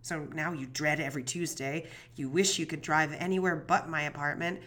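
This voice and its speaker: An actress voices a young woman who hosts a true crime podcast, performing an audio drama monologue. Her voice sits low with fairly even intonation and a fairly bright tone, moving at a moderate pace. The character rambles anxiously, swears, and puts herself down.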